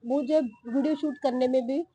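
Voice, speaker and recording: A young woman talks to her viewers in a casual vlog, her voice high-pitched and mellow. She is short of breath and speaks slowly, pausing now and then. The sound is close and dry. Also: fairly even intonation, dry recording. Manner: slow, breathy-paced talk with pauses. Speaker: vlogger. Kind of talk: casual vlog talk to camera. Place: home garden outdoors.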